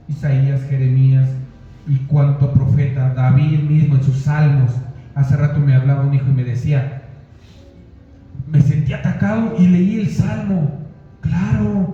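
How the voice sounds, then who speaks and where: A man preaching a sermon as a pastor, talking straight to his listeners. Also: medium pitch. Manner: conversational preaching, addressing listeners directly. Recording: echoey hall, dull lo-fi sound.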